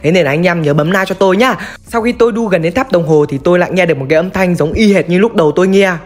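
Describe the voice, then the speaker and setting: A man's voice: high voice, very fast. A man narrating his own game-based horror story, chatty and talking straight to his viewers. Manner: chatty, addresses viewers as brothers. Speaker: gaming YouTuber.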